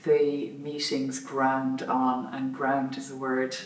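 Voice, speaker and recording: Adult speaker, flat delivery, frank and wry, echoey room, distant mic. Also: medium pitch, takes it slowly. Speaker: scriptwriting group participant. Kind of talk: candid interview reflection.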